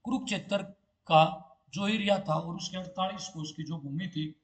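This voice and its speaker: Man, exam-prep lecture, slightly raised pitch, self-answering questions, filler "okay". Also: normal speed. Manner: asks a question and answers it himself, "ठीक है" filler. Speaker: competitive exam teacher.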